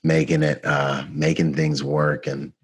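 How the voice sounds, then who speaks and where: A male podcast host with an extremely low voice and a husky edge. He keeps things relaxed and casual, tossing "man" in at the end of his lines as he steers the interview. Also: measured pace. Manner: laid-back, says "man" often.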